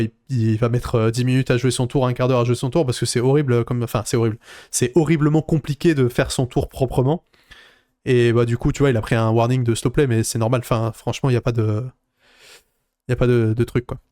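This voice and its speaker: Smooth-voiced man rambling on stream. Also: medium pitch, no room sound, studio quality. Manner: rambling, animated, reads viewer chat aloud. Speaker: card game player recapping a tournament. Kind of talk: casual live-stream chat.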